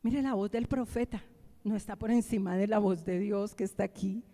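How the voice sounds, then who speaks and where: A woman pastor with a Bogotá Colombian accent, preaching animatedly and shifting from loud exclamations to hushed prayer in a church. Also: medium pitch, steady tone, normal speed. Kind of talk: sermon. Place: large church sanctuary. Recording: echoey church hall.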